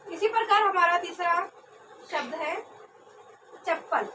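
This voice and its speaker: A young woman teaching a class, with a high voice and an unhurried pace. She repeats each word carefully and asks questions she then answers herself. The recording is distant, with clear background noise. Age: young adult. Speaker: trainee teacher. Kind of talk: classroom lesson.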